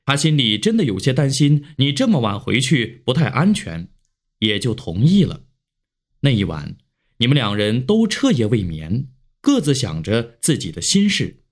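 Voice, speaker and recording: A man narrating a romantic story in an expressive, emotive reading voice. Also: mid-range voice, normal speed.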